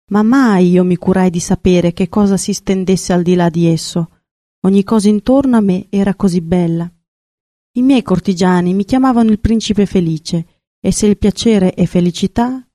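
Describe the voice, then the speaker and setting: A woman's voice: mid-range voice, mellow, dry recording, studio quality, close to an everyday voice. A woman voicing a sorrowful male prince turned golden statue in a storybook reading.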